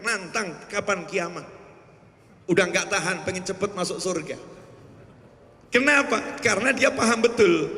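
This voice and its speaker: A man preaching a sermon in a mosque, telling stories with lively voicing of the people in them. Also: sits high. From Indonesia. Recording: long reverb of a large hall.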